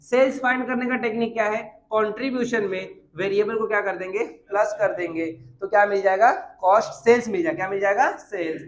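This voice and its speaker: A man's voice: high-pitched, fairly even intonation, fairly quick, hardly any pauses. A man teaching a commerce class at a whiteboard in Hindi mixed with terms. He asks his own questions and answers them, and repeats every key point. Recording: echoey room.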